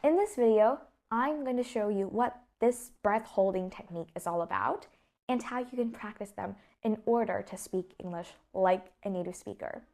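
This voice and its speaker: A young woman with a Vietnamese accent teaches English pronunciation at a mid-range pitch. She explains things clearly and puts weight on the key words as she demonstrates them. Her tone is friendly and instructive. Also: normal speed, dark tone.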